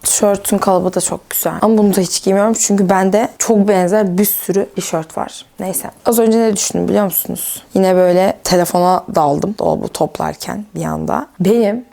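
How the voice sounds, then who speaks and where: A woman's voice: medium pitch, brisk, creaky, hardly any pauses, warm tone. A young woman vlogging in a rambling, chatty stream of thought while she sorts her wardrobe, laughing often. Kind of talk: casual stream-of-consciousness chat.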